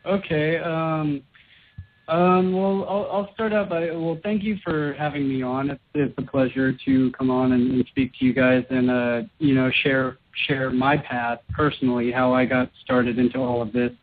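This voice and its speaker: A man's voice: fairly high pitch, lively intonation, vocal fry. Hesitant man guest on a phone line. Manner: hesitant, halting with restarts. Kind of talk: casual interview.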